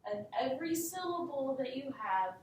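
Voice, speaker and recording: A woman's voice: animated, moderate pace, a little mellow. A woman acting as a teacher in a mock classroom lesson, patient and instructive. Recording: echoey room, distant mic, faint rumble.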